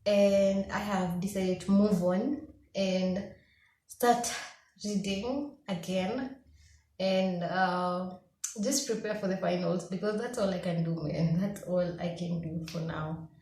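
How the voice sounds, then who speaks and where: A woman's voice: fairly low pitch, fairly even intonation, slow, mellow. A young Kenyan woman in her twenties, a law student telling a candid vlog story and acting out her own past thoughts. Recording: echoey room.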